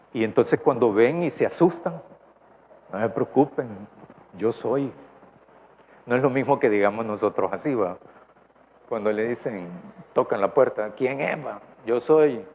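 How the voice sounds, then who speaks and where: A man's voice: lowish voice, a little mellow. A man with a Salvadoran accent preaching a conversational sermon, often asking his congregation questions. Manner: asks the congregation questions, tag "¿verdad?". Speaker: pastor. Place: church. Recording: dull lo-fi church recording, faint noise.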